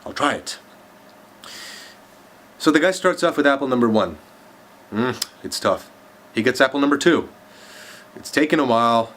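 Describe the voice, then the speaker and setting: A man's voice: mid-range voice, lively intonation, moderate pace, long pauses, fairly bright tone. A man telling a long joke to his viewers in a chatty, rambling way with lots of fillers. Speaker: vlogger. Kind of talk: casual joke-telling vlog.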